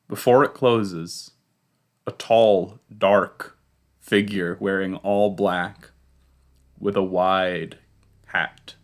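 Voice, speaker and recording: Slow, low-voiced male storyteller. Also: a bit bright. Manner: slow, deliberate, dramatic pauses. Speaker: podcast co-host storyteller. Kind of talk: improvised story narration.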